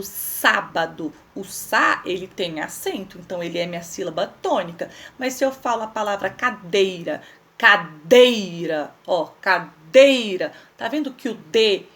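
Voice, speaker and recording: A woman's voice: mid-range voice, expressive. A woman teaching young children in a recorded lesson, patiently spelling out words and asking questions she answers herself. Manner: patient, explains slowly and spells things out, asks questions and answers them herself. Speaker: primary school teacher.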